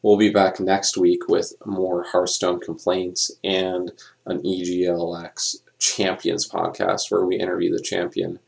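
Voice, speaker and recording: A man with a very low, gravelly voice chats on a casual podcast. His delivery is a flat monotone full of fillers, and he coughs now and then. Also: unhurried. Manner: filler-heavy, rambling. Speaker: podcast co-host.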